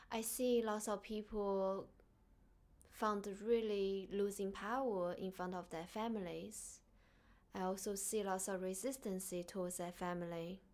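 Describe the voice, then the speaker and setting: Hosting a reflective solo podcast, a Chinese woman with a Chinese accent speaks softly and earnestly at a medium pitch.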